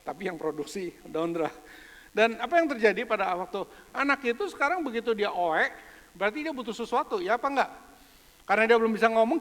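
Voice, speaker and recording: High-pitched male pastor, joking around mid sermon, mixes in english, big church reverb. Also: fairly bright tone. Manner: joking, mixes English phrases into his preaching. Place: church hall. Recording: long hall reverb.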